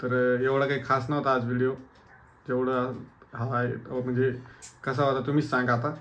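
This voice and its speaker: A man's voice: mid-range voice, level tone, normal speed, a bit bright. Teasing Marathi-accented man, family vlog. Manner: teasing, laughing, addressing viewers directly. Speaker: vlogger. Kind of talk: casual family vlog chat.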